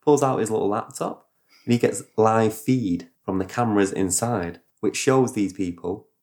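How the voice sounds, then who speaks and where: A man retelling a story in casual podcast chat, animated and rambling, with sound effects. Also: on the low side, normal speed. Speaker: podcast host.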